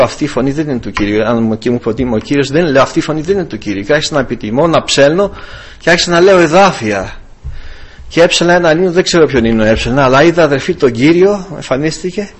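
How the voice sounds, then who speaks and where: A man's voice: fairly high pitch, husky. A man preaching a sermon, telling a personal healing testimony and calling his listeners brothers, with emphatic rising passages.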